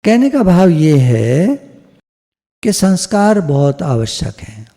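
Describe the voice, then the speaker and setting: A man's voice: a little high, big pitch swings, slow, dark tone. A man giving a devotional sermon over a video call, explaining step by step and slipping English phrases into his Hindi, in an echoey recording. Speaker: spiritual discourse speaker.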